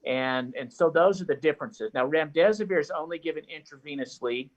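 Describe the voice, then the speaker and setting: A man's voice: a little high, brisk. A man, a doctor, explaining treatments at a press briefing, often repeating words as he goes. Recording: dull lo-fi audio.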